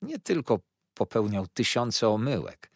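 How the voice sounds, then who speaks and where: Husky low-voiced male storyteller. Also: big pitch swings, no echo, clean studio sound. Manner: measured, old-fashioned storytelling. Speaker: audiobook narrator. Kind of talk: scripted literary narration.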